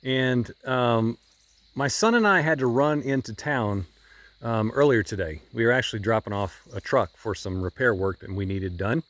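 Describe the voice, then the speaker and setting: A man's voice: mid-range voice, expressive, moderate pace, fairly bright tone, no room sound. A middle-aged man gives an earnest, folksy devotional talk outdoors on his farm, with frequent ums and restarts. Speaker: podcast host.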